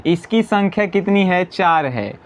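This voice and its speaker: A man teaching an exam-prep grammar lesson, slowly repeating definitions and answering his own questions. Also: high-pitched, animated.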